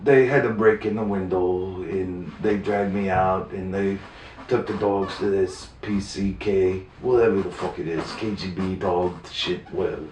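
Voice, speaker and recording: A man's voice: low-pitched, fairly even intonation, a little mellow, distant mic, a little hiss or hum. Rambling, profane New man, roomy and off-mic. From New York City. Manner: rambling and profane, with many halting restarts. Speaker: storyteller guest. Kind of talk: casual storytelling. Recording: roomy sound, voice away from the mic.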